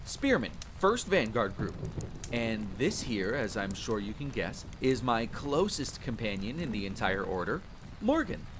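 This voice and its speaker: Speaking at a measured pace with big swings in pitch, a man voices an eager, chattering young spearman who talks straight to the listener in an immersive fantasy audio drama. The character is friendly and bantering. Steady rain, campfire crackle and rolling thunder fill the background.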